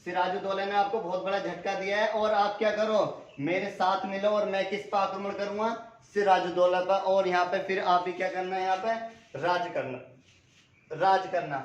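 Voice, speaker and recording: A man teaching an exam-prep history lesson, asking questions and answering them himself, and repeating key names. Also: sits high. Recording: echoey room, dull lo-fi sound.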